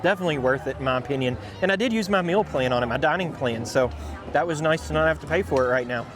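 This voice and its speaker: Talking fast in a slightly high voice, an enthusiastic, folksy American man vlogs casually around a theme park's shop and outdoor food areas. A crowd, music and outdoor park sound can be heard in the background.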